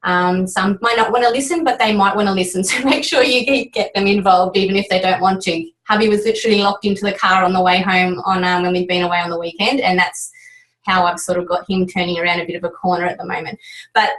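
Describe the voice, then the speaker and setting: A woman's voice: mid-range voice, fairly even intonation, quick pace, fairly bright tone, distant mic, poor audio. A woman team leader sharing tips in a casual training chat, rambling with lots of ums and restarts.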